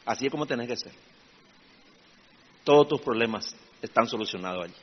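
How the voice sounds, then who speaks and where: A man preaches a sermon in a slightly husky voice, shifting between loud emphatic bursts and low, confiding asides. The sound is dull and lo-fi, with a long reverb trailing each phrase as if in a large hall. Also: animated, brisk. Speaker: pastor.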